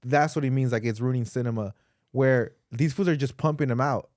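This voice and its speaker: A man's voice: mid-range voice, fairly quick, a little mellow, no room sound, clean studio sound. A man in a casual, opinionated podcast chat, earnestly arguing his point with slang and swearing. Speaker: podcast host.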